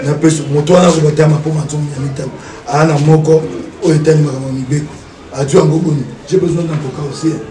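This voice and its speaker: A man's voice: fairly high pitch, little pitch movement, fast talker, dark tone, echoey room, recorded from a distance. A man, talking as an interview guest, emphatic and repeating his rhetorical questions. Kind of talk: animated interview talk, mixing French and Lingala.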